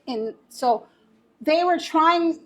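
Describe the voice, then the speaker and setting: A woman giving an informal guided tour, explaining things in a halting way with frequent pauses mid-phrase. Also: high-pitched. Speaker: museum guide.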